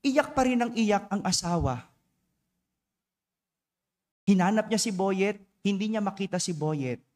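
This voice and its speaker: A male priest preaching a homily at a dawn mass in a church. His voice sits high for a man and he talks unhurriedly, telling a story step by step and pausing to ask the congregation to agree. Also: lively intonation, a little mellow. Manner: storytelling, checks in with the congregation with a tag question.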